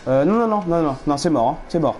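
A man commentating a horror game live, nervous and jittery, repeating words when scared, his voice going hoarse. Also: a little high, lively intonation, fast, a little mellow. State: losing his voice.

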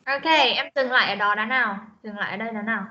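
A woman teaching an online English class, drilling pronunciation and repeating words slowly in a stern way. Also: medium pitch. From Vietnam. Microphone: video call. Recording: muffled online meeting audio.

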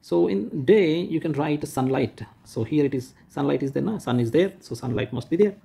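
Mellow, husky teacher. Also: male voice, a little high, animated. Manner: repeats each point slowly and rephrases it for children; points and demonstrates with "like this". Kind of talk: explaining a school textbook lesson.

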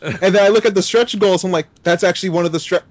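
A man co-hosting a gaming podcast, enthusiastic and quick to laugh in casual chat. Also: high voice, no room sound, highs cut off. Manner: laughs easily, enthusiastic fan. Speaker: podcast co-host.

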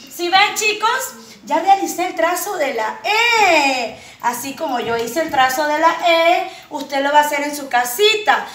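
Preschool teacher woman, slow and drawn-out, recorded from a distance in a hollow room. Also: extremely high pitch, fairly bright tone, reverberant. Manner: slow sing-song, drawn-out words, coaxing questions to children. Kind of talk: online phonics lesson for young children.

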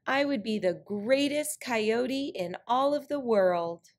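Woman voicing an excitable high-pitched trickster coyote. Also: slow. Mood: eager. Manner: excitable, pleading and boastful trickster-tale character voice. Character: boastful, eager young male coyote trickster in storybook.

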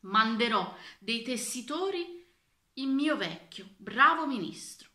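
A woman's voice: a little high, big pitch swings, slow, sharp tone, reverberant, heavily acted. A woman voicing a vain, pompous male emperor in a children's story read aloud. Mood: musing.

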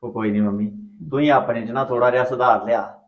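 A patient young husband, played by a man who keeps the peace with quick, placating words in a web drama. He speaks fast in a roomy, echoing room. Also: mid-range voice, dull audio, lightly acted. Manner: calm, placating. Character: patient young husband soothing mother and wife.

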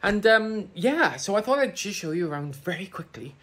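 A middle-aged woman contributes a viewer video, giving a jokey, self-deprecating home tour of her indoor room full of old computers. She films on a phone held at arm's length. Her mid-range voice is sing-song and fairly bright, at a normal pace.

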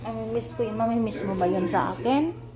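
A woman's voice: on the high side, a little fast, a crowd in the background. A young woman from Iloilo vlogging casually in an office, coaxing and affectionate, slipping English words into her talk. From Iloilo, Philippines. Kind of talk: casual home vlog chat. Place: office indoors.

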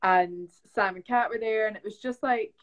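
A woman's voice: medium pitch, normal speed, lo-fi sound. A young woman from the UK, chatting casually as a guest on a phone live stream, with lots of fillers like "like" and "um". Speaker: actress guest. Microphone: phone on a video live stream.

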